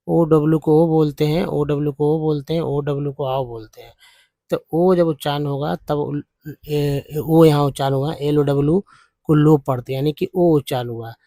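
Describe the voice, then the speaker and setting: A man's voice: a little high, warm tone, no room sound. A man teaching English spelling and pronunciation in a patient lesson, repeating each sound several times.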